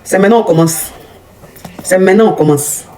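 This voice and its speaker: Woman coach ranting, scolding and mocking. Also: a little fast. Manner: scolding, mocking, repetitive, shouting rises in pitch. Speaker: online relationship coach. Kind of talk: angry rant on a live video.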